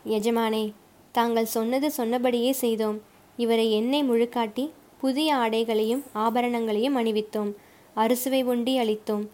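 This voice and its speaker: A woman's voice: fairly high pitch, dark tone, natural voice. Storybook: woman reads servile male guard, defensive and pleading. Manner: submissive, pleading to his master. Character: deferential male palace guard, defensive servant.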